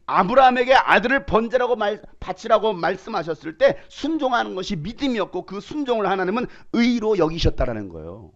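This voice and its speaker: A man preaching a sermon as pastor, emphatic, swinging between loud bursts and quiet asides, acting out quoted voices. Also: high-pitched, sing-song, a little fast, hardly any pauses, lo-fi sound. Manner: acts out quoted dialogue in changed voices.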